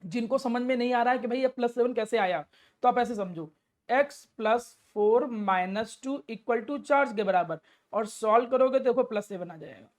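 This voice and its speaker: At a normal pace, a woman with a slightly high, darkish-toned voice leads a chemistry lesson in steps. She raises questions only to answer them herself and speaks warmly and affectionately to the student during the classroom lecture.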